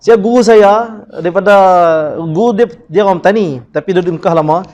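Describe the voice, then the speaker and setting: A man with a Malaysian Malay accent teaching Quran recitation in a class, drilling syllables and chanting verses slowly. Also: sits high, a little mellow, highs cut off. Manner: drills sounds by repeating syllables, asks the class questions.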